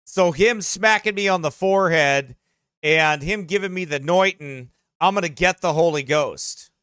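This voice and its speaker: A man's voice: on the high side, moderate pace, clear, resonant tone, no room sound, studio quality. A man pastor preaching a sermon, mocking what he describes and reading passages aloud. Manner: mocking, animated, reads quotes aloud.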